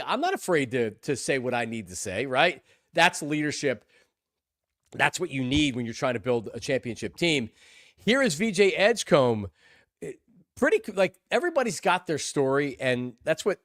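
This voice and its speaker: A man hosting a sports talk show, excitable and rambling, often repeating his words. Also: mid-range voice, no room sound, clean studio sound.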